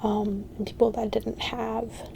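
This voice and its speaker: A woman giving a whispered ASMR pep talk, soft and halting, reassuring and encouraging. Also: on the high side, little pitch movement, gravelly, background noise. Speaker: ASMR creator.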